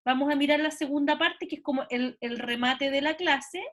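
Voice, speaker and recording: High-voiced lecturer woman. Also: moderate pace, fairly bright tone. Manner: explanatory, with frequent fillers and tag questions. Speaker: university lecturer. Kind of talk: online class commentary on a video.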